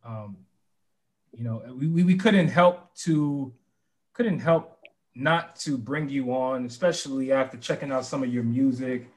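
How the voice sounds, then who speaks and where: A man's voice: mid-range voice, unhurried. Man, podcast host, rambling, repeats himself, casual. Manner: rambling, stumbles and repeats words.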